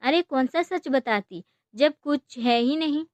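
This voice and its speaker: A woman's voice: high voice, unhurried, dry recording, dull audio. A woman voicing a young, gushing best friend, pleading through tears in a storybook. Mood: explaining. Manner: emotional, pleading, mixes Punjabi and English words.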